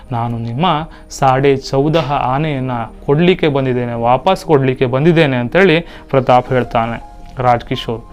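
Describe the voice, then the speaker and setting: Male Hindi teacher explaining. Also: mid-range voice. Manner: reads Hindi lines, then explains them in Kannada. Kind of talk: lesson explaining a Hindi play in Kannada.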